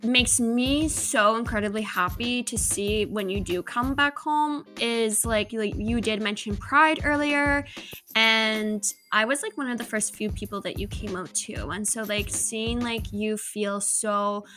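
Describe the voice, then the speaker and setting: A young woman in her twenties hosting a casual chat with a friend, warm and full of likes. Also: fairly high pitch, measured pace, soft background music. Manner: warm, filler-heavy.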